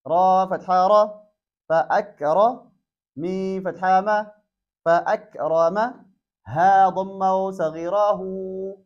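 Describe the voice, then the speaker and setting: A man with a high voice leads a Quran reading lesson, spelling letter by letter before blending syllables into words. He moves at an unhurried, careful pace. The recording is dull and lo-fi. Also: steady tone. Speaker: Quran teacher.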